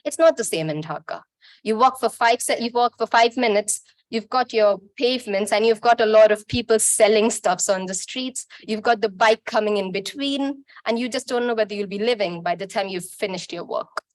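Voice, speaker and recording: A woman's voice: mid-range voice, normal speed. A woman from Bangladesh giving a conference talk in an informal, chatty way, often stopping to correct herself. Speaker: conference presenter. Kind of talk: conference presentation.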